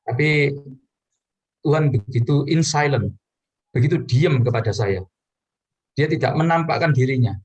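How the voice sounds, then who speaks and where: A man preaching in a personal testimony, telling his story earnestly to the congregation and addressing them directly. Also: husky. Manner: earnest storytelling with sudden pitch rises.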